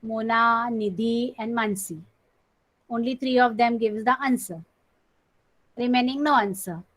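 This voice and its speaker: This is a low-quality screen recording of an online class in which a woman teacher with a Marathi accent gives slow explanations. Her voice is on the high side, she keeps repeating key terms, and she clears her throat often.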